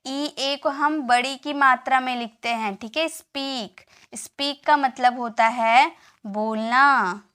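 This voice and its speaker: A woman's voice: high-pitched, steady tone, slow, sharp tone, smooth. A woman teaching basic English words, spelling them out letter by letter and answering her own questions. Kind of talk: spoken English lesson.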